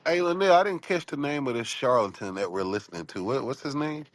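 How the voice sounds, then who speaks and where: A man's voice: medium pitch, animated, a little fast, voice pushed up, lightly acted. A man doing a sneering heckler, sing-song. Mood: scoffing. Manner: dismissive, sneering.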